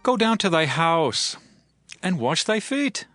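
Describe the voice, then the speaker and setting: A commanding king, his voice pitched high and animated as he gives orders in stately old-fashioned speech. A clear music bed plays underneath him. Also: takes it slowly, no echo, studio quality, exaggerated voice. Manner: regal, commanding, archaic speech. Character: King David, commanding male ruler.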